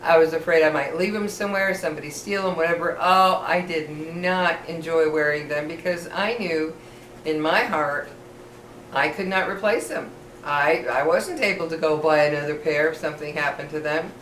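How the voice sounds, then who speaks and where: A woman's voice: low-pitched, moderate pace, a bit bright. Chatty woman with missing teeth, echoey room. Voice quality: slightly slurred speech from missing teeth, trouble with F sounds. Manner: chatty, self-deprecating. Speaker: vlogger. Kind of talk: casual rambling personal storytelling to camera. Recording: echoey room, distant mic, faint noise.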